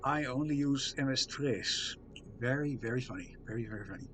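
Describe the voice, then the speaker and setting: During a casual live stream, a man reads viewers' chat aloud and responds in a soft, soothing, medium-pitched voice at a moderate pace, mixing in self-deprecating humour. A little hiss or hum can be heard on the audio.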